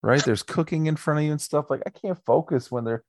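Lively, jokey man with a gravelly voice. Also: fairly high pitch, brisk, no room sound, clean studio sound. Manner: animated, jokey storyteller. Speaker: podcast co-host. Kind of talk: casual chat.

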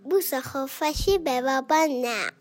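A woman voicing a stubborn little bear cub who pouts and flatly refuses at bedtime, in a storybook reading. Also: high voice, soft background music, voice pushed up. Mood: stubborn refusal.

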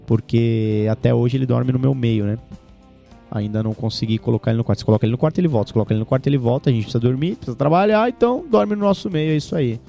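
A Brazilian man talking casually as a podcast guest, telling animated, slangy stories. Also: mid-range voice, racing, vocal fry, soft background music. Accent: Brazilian Portuguese. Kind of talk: casual chat.

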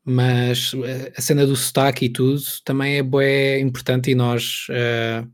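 A man's voice: mid-range voice, flat delivery, measured pace. A young man with a European Portuguese accent co-hosting a podcast, chatting in slangy, advice-giving banter. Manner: chatty, advising, slangy with bué and puto. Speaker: podcast co-host. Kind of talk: casual podcast chat.

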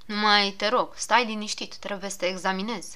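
A woman's voice: medium pitch, fairly even intonation, sharp tone, natural voice. A woman doing a fussy gnome doctor. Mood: fussing. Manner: soothing then scolding, fussy. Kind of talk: storybook reading.

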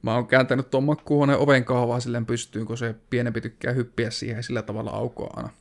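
A man talks in a quiet, low-key manner in a casual chat. His voice is gravelly with a lot of fry, at an average pitch for a man. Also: little pitch movement.

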